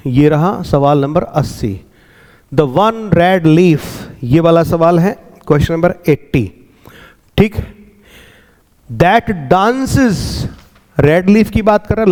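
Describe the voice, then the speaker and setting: A man going through exam answers as a teacher, slowly explaining and repeating words to drill pronunciation. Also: high-pitched, mellow, long reverb tail. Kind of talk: exam answer walkthrough lesson.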